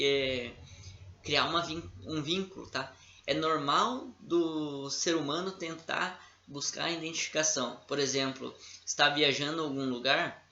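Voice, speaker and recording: A man's voice: on the high side, bright, forceful tone. A man with a Brazilian accent giving a casual lecture as an instructor, often checking in with his listeners. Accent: Brazilian Portuguese. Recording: echoey room, dull lo-fi sound.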